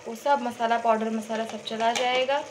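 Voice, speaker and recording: A woman's voice: on the high side, fairly even intonation, normal speed, noisy background. A woman hosting a home cooking video, chatting casually as she goes through the ingredients step by step in her kitchen. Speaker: cooking channel host.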